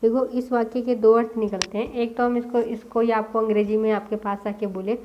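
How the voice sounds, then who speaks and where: A woman teaching a spoken English lesson. She asks the class questions and repeats each English sentence slowly, word by word. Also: fairly high pitch, flat delivery, muffled recording, slight background noise.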